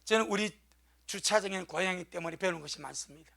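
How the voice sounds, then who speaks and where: A man's voice: high-pitched, fast talker, creaky, a bit bright. A middle-aged male pastor preaching a sermon, telling folksy stories and rising into emphatic blessings.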